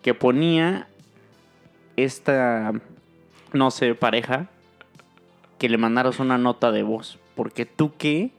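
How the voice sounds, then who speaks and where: Young mexican guy hosting a podcast, joking around, slang and fillers, middle pitch. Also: slow, long pauses, soft background music. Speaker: podcast host. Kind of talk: casual chat.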